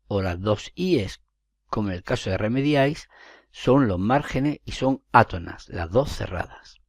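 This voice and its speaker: A man's voice: lowish voice, vocal fry, dry recording, studio quality. A man teaching a grammar lesson, explaining step by step, correcting himself and checking in with his listeners.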